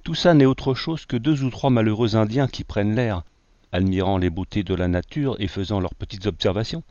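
A boastful, carefree artist who laughs off every danger, put on by a male reader. His voice sits low and swaggers along. The sound is dry and dull, like a lo-fi recording. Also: a little fast, dark tone, dry recording, close to an everyday voice. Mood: mocking. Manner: swaggering, jokey nonchalance.

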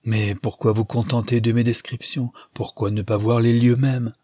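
A man voicing an eager, pressing young upper-class gentleman in an audiobook, with a husky voice. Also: mid-range voice, little pitch movement, moderate pace, dry recording, studio quality, lightly acted. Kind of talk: audiobook character reading.

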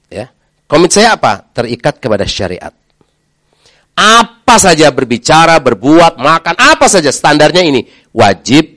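A middle-aged man, a preacher telling his own story in a lively way and acting out the voices of the people in it. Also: fairly high pitch, no room sound, clean studio sound. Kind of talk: lively testimony talk.

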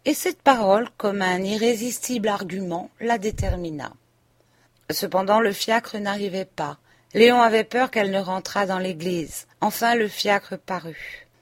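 A woman reading a classic novel aloud as an audiobook narrator, in a measured, even storytelling manner. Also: medium pitch, no room sound. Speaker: audiobook reader. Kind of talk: scripted literary narration.

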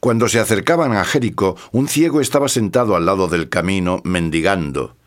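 Deep-voiced man narrating an audiobook. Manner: steady, measured reading.

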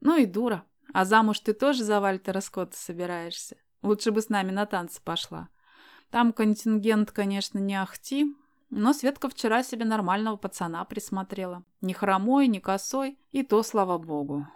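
A woman's voice: mid-range voice, animated, normal speed, natural voice. A woman voicing a blunt, mocking young girl. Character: brash mocking young woman, sharp-tongued friend.

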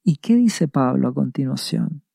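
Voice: medium pitch, lively intonation, normal speed, vocal fry, mellow, slightly rough, no room sound, studio quality. A preacher giving a sermon, retelling a scripture passage and asking rhetorical questions before answering them. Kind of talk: radio sermon reading scripture.

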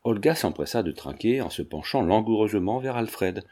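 A male audiobook narrator reads a classic novel in a measured, even manner, delivering scripted literary narration. His voice is lowish and husky.

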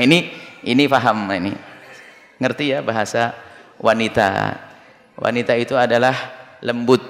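A man preaching a sermon to a congregation, lively and jumping into high-pitched mimicry of the people in his stories. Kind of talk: Islamic sermon with Q&A. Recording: long hall reverb.

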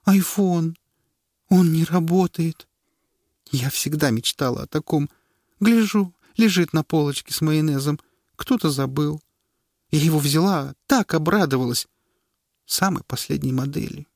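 A man's voice: fairly high pitch, lively intonation, a little slow, long pauses, dry recording, clean studio sound, voice pushed up. A man voicing a tearful, whiny young wife who talks in plaintive sobs. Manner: sobbing, plaintive.

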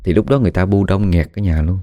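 A man tells a ghost story in a casual, colloquial way. His voice is very low and mellow, and he breaks into dramatic exclamations as he speaks. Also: very fast. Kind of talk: spoken ghost story narration.

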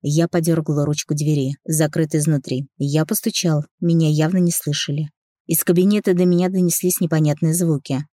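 A woman's voice: sits low, steady tone, brisk, dark tone, dry recording, clean studio sound. A woman reading a first-person audiobook, telling a man's story and lightly voicing its characters. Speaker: audiobook narrator.

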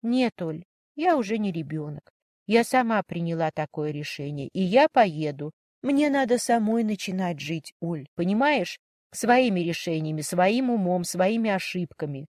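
A woman reading an audiobook story voices a calm, determined young woman who speaks steadily and resolutely. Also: lowish voice, moderate pace, dry recording, studio quality, lightly acted.

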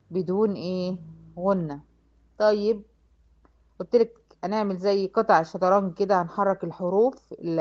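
A woman's voice: medium pitch, darkish tone. Egyptian woman teaching Quran recitation. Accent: Egyptian Arabic. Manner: asks questions and answers them herself, slows down to model recitation. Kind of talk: tajweed lesson. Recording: dull lo-fi recording.

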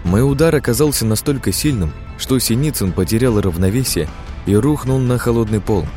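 A man reading a novel aloud in first person, steady and measured. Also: medium pitch, soft background music. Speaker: audiobook narrator. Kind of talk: first-person scripted narration.

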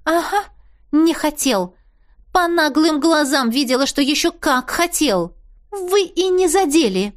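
A fiery young woman, as the reader voices her, sharp-tongued and sarcastic. Her voice jumps high and gets loud as she protests. She is indignant and quick to bite back. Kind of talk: audiobook character voice.

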